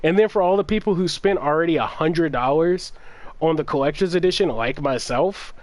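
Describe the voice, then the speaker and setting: A man with a fairly high voice rants in a casual, exasperated way as a gaming livestream host. He talks loosely and animatedly, breaking into laughs and curses. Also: brisk, no echo. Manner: animated, exasperated ranting with frequent laughs and swearing.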